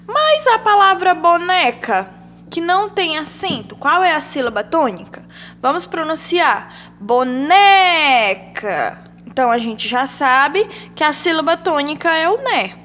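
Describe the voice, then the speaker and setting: Brazilian woman teacher, young adult, high and animated, sing-song questions for children. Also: normal speed, slight background noise. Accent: Brazilian Portuguese. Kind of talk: children's grammar lesson.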